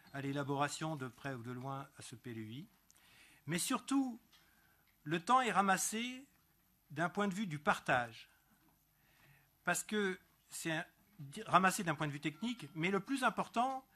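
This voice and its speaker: A man with a bright, forceful voice pitched on the high side addresses a council meeting as an elected councillor. Reading a prepared political speech, he speaks deliberately and didactically, repeating key points for emphasis.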